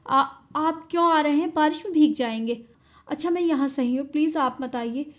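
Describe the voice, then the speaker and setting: A woman's voice: sits high, moderate pace, pitched above the performer's own voice, close to an everyday voice. A woman voicing a frightened young wife in a story, crying and stammering as she pleads. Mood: pleading.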